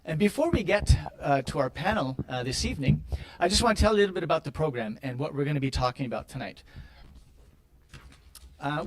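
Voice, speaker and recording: A man's voice: fairly high pitch, rough recording. A man moderating a college career panel, upbeat and effusive, introducing speakers with frequent fillers. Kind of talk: hosting a panel discussion.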